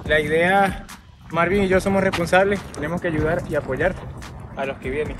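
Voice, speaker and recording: A man's voice: a little high, steady tone, normal speed, recorded from a distance, noisy background. A man in his thirties with a Venezuelan accent, a professional runner talking in long, earnest runs at an outdoor stadium. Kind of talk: casual chat. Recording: voice from off the mic, music behind.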